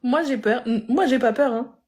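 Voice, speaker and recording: A woman's voice: sits high, moderate pace, darkish tone. Cheeky woman in her thirties. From France. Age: 30s. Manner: playful, cheeky, unfazed comebacks. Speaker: guest.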